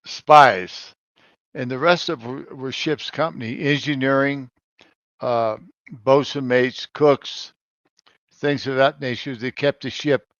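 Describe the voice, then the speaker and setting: A man in his seventies from Colorado, a navy veteran recounting his service in a halting way, with frequent pauses and loudness that rises and drops. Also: medium pitch, dry recording, highs cut off. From Colorado, United States. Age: 70s. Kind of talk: conversational interview answers.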